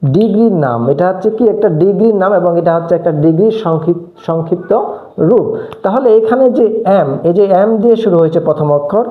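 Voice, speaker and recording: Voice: medium pitch, lively intonation, quick pace. Teacher with a tinny, echoey sound. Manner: asks questions and answers them herself. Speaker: English teacher. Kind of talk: classroom-style grammar lesson. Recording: echoey, phone-like narrow sound.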